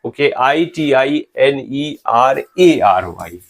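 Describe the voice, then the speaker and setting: A man teaching English spelling, slowly spelling out words letter by letter and checking in with his students. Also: medium pitch, animated, vocal fry. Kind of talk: spelling lecture in Hindi mixed with English.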